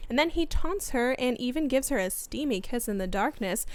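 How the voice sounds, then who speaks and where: A young woman co-hosting a casual book podcast, playful and slangy, quick to laugh. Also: a little high, animated, no room sound. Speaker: podcast co-host.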